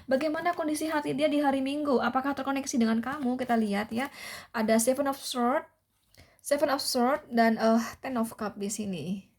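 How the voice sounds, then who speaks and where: Casting: young woman, tarot reader, fairly high voice, chatty and repetitive, lots of fillers. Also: fairly even intonation, normal speed. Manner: chatty, repetitive, many fillers and tag questions. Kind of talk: tarot reading for viewers.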